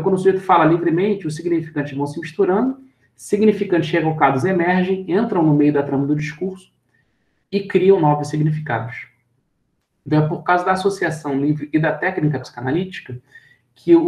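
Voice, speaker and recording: A man's voice: fairly high pitch, a little mellow. Man, Brazilian Portuguese accent, lecturer, explanatory, checks listeners often, echoey room. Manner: thinks aloud, checks understanding with frequent tag questions.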